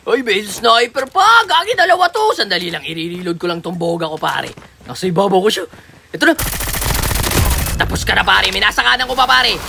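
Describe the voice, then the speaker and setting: Woman gaming streamer, high lively voice, excitable shouts, noisy game track. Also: gravelly. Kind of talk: live gameplay commentary. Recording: noisy game audio with gunfire. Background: game gunfire and clicks.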